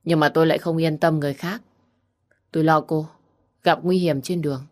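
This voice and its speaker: A woman voicing a caring young man who gently teases, in a storybook reading. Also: low-pitched, fairly even intonation, brisk, lightly acted. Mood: calm. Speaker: audiobook reader.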